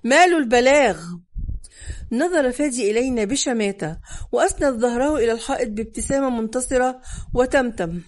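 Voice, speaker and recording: A woman's voice: fairly high pitch, quick pace, darkish tone. Woman narrating a tense crime thriller. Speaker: audiobook narrator. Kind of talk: scripted novel narration.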